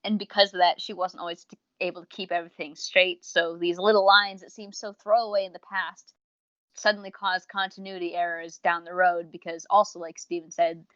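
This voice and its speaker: On a podcast about audio dramas, a female co-host chats casually with fans in a fairly low, level, somewhat bright voice at a fairly quick pace. She rambles, talks a lot, uses slang and acts out imagined comments, all captured in a dry, muffled recording.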